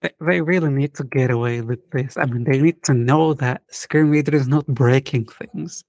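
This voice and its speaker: A podcast co-host with a gravelly voice speaks at a middle pitch. They sound earnest and exasperated as they air complaints. The sound is dry and close. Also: normal speed, a little mellow, dry recording. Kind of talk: casual tech podcast chat.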